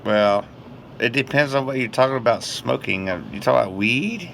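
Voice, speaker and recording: A man's voice: mid-range voice, fairly quick, vocal fry, a bit bright, a little hiss or hum. A man chatting casually on a phone call, rambling and answering evasively as he plays along. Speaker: prank caller baiting telemarketers.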